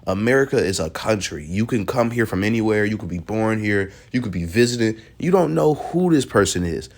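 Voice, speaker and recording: A man with a somewhat low voice talks through a reaction video in a loose, casual way. He is blunt and profane, and he laughs often as he comments. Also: expressive, fairly quick.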